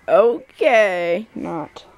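A young woman filming a casual daily vlog, teasing and bickering playfully with her sister. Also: medium pitch. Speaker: vlogger. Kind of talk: casual chat.

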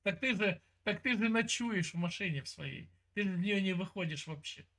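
A man's voice: high-pitched, normal speed, bright, forceful tone. Lecturing man on a video call. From Siberia, Russia. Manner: lecturing, insistent, talks over the other. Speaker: chat roulette streamer. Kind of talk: heated video chat argument. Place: indoor room at home. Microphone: webcam video call.

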